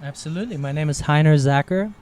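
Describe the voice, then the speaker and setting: A man's voice: a little high, fast, darkish tone. A man from Germany who co-runs a restaurant, introducing himself in a casual interview. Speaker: restaurant co-owner.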